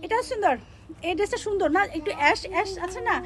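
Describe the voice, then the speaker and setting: A young woman selling clothes on a live stream, pitching each dress with pushy repetition and English words mixed in. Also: fast talker, slight background noise. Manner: repeats phrases, pushy upbeat selling, mixes English words. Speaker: online clothing seller.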